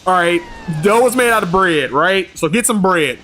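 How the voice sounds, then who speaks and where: A man streaming a game, chatting casually and telling stories in animated slang, laughing often. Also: sits high, normal speed, a little hiss or hum. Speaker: gaming streamer. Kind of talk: casual livestream chat.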